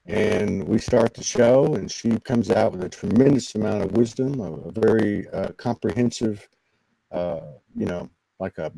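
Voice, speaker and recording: A man, a guest on a spiritual talk show, telling a personal story in an earnest, emotional, halting way. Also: on the low side, creaky, warm tone, no echo, poor audio. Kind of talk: personal storytelling in casual conversation.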